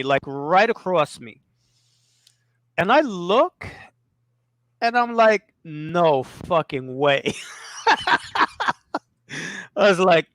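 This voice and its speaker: A man's voice: sits high, a bit bright, no echo. A man telling a story in casual conversation, laughing often, swearing and repeating himself.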